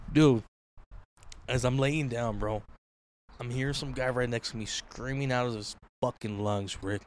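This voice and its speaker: A man co-hosting a podcast, telling a rambling, profanity-filled story in casual chat, saying bro and dude constantly and bursting into loud reactions. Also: mid-range voice, measured pace, slight background noise. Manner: animated, jumps into loud acted-out reactions. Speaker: podcast co-host.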